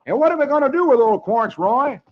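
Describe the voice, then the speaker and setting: A man playing an excitable young cowboy sidekick with loud, high exclamations on a vintage radio broadcast. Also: a little slow, heavily acted. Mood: excited. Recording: dull lo-fi vintage radio recording.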